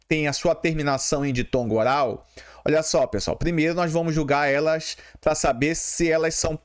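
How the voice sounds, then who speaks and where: Brazilian male exam tutor with a slightly high voice, patient, and repeats himself for emphasis. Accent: Brazilian Portuguese. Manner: patient, repeats key terms, checks in with "tá bom?". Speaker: exam prep teacher. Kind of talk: explaining grammar questions.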